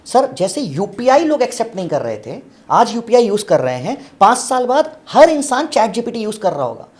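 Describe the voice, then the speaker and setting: A man's voice: extremely high pitch, very animated, normal speed. A man speaking as a guest on a business podcast, giving emphatic, instructive advice and repeating his points in lists. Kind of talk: casual podcast interview, advice.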